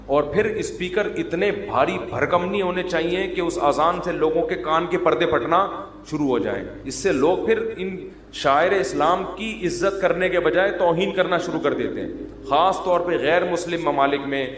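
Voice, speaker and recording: A man giving a conversational religious talk as an Islamic scholar, mixing humor with teaching and mimicking drawn-out calls to prayer. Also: a little high. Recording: echoey hall, faint ambience.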